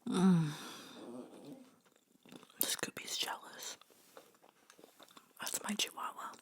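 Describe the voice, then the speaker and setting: A woman hosting her own show, whispering softly for ASMR with tasting and eating sounds and playful asides, close to the microphone. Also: medium pitch, fairly even intonation, a little slow, gravelly. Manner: playful, self-mocking asides.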